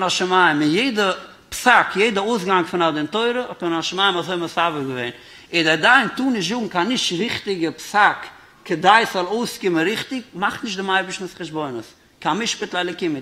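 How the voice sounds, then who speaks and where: Bright-voiced rabbi giving a Torah lecture. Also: male voice, a little high. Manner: reasons aloud through questions and answers.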